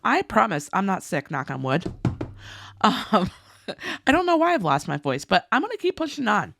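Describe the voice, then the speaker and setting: Hosting a couponing channel while her voice gives out, this woman delivers a cheerful scripted rundown of deals, rattling off products and prices in a bubbly, chatty manner. Her mid-range voice swoops wildly in pitch at a normal pace, sounding creaky and slightly bright.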